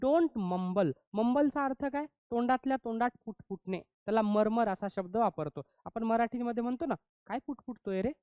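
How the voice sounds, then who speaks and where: A man teaching an English grammar class, asking the class rhetorical questions and slowing down to model English sentences. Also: very high voice, clear, resonant tone, dry recording. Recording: dull, muffled lo-fi sound.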